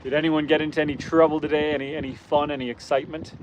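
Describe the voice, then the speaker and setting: A Canadian father of young kids, hosting an outdoors channel, fishes from a boat on a rainy lake and chats easygoingly with livestream viewers, calling them by name. His voice, a little high and fading to hoarseness, comes out flat and very fast. The recording is rough, a windy outdoor stream with the boat motor audible.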